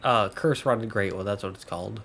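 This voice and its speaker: A man's voice: on the low side, normal speed, gravelly, a bit bright, slight background noise. A man giving casual, joking commentary as he plays through a game. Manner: chatty, joking asides. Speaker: gameplay commentator.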